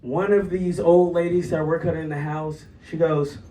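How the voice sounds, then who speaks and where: A young man doing a stand-up set, telling stories and jumping into high, acted quotes. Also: fairly even intonation, normal speed, mellow. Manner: storytelling with bursts of high-pitched acted quotes. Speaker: stand-up comedian. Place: comedy club stage. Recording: roomy club sound from far off.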